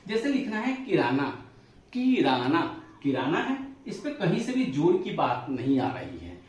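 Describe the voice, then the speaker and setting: Echoey far-off man teaching slowly. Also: a little high, huge pitch swings, darkish tone. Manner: explains step by step, repeats sounds for listeners to echo; stretches and stresses sounds to show long and short vowels. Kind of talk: spoken classroom lesson. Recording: very echoey room, voice from a distance.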